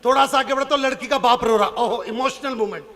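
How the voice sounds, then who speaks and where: A man telling a comic story on stage at a poetry gathering. He acts out the characters and shouts some of their lines. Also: extremely high pitch, quick pace. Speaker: stage poet. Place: outdoor stage event with audience laughter.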